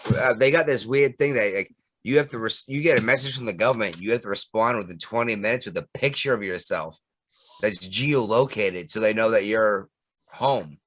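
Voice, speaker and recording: Bright-voiced man with a Boston accent. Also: lowish voice, normal speed, low-quality recording. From Boston area, United States. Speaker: podcast co-host. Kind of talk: casual banter.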